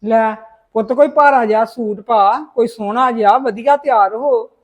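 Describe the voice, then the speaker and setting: This is a fretful, bossy mother in a family drama, played by a woman. Her voice sits a little high, and she nags and scolds in plain everyday talk. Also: normal speed, lightly acted. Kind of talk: acted family drama dialogue.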